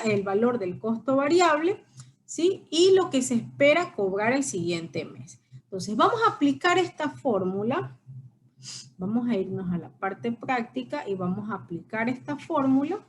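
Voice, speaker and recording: A woman's voice: a little high, lively intonation, moderate pace, slight background noise. A woman giving a recorded lecture, explaining step by step and often checking with her students. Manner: explanatory, frequent checking questions. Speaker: teacher.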